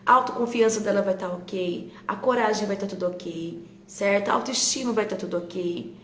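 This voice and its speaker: A woman's voice: mid-range voice, normal speed, slight background noise. A woman with a Brazilian Portuguese accent, a teacher talking to parents on a live stream, conversational and often checking in with her listeners. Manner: conversational, keeps checking in with tag questions. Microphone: phone on a live stream. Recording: roomy echo with faint ambience.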